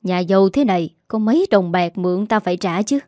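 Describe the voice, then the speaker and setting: A woman voicing an angry older female moneylender who scolds fast and rough. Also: medium pitch, animated, dark tone, no room sound, clean studio sound, natural voice. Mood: scolding.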